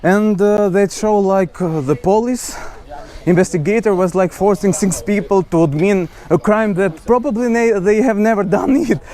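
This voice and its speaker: A man's voice: high-pitched, moderate pace, mellow. A young Albanian man with an Albanian accent, chatting casually in non-native English with many fillers and laughs while showing a visitor his city on a walk. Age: young adult. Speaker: local guide. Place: outdoors on city streets.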